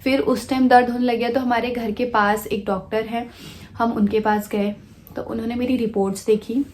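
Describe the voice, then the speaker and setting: A woman vlogger telling a personal story in a soft, hesitant way, pausing often with fillers and restarts. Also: fairly high pitch. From India.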